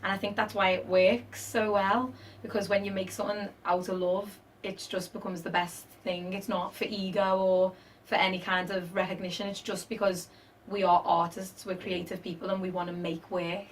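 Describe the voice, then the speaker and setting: A woman's voice: mid-range voice, little pitch movement, moderate pace, slight background noise, poor audio. A woman in the cast speaking earnestly and heartfelt in a casual interview.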